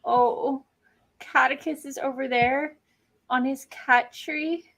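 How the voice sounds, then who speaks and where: A woman's voice: sits high, steady tone, slow, a bit bright. A middle-aged woman hosting a casual livestream, chatting and cheering on viewers' comments. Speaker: livestream host. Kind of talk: casual chat.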